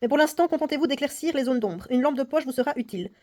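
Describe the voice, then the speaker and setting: A woman's voice: sits high, expressive, fast, darkish tone. A woman reading aloud the lines of a frightened, secretive old woman from a game card. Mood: anxious.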